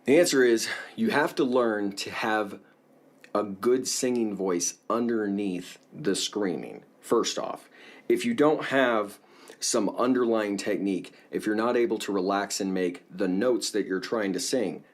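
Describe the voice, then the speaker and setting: A man teaching a casual singing lesson, explaining in a relaxed way and often checking in with the viewer. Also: fairly low pitch.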